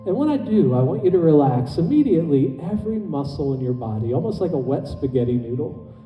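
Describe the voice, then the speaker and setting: A man speaking as a stage hypnotist, slowly and soothingly guiding volunteers through a relaxation induction. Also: on the high side, sing-song, dull audio. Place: stage in a hall with an audience. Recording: echoey hall, far from mic, music behind. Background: soft background music.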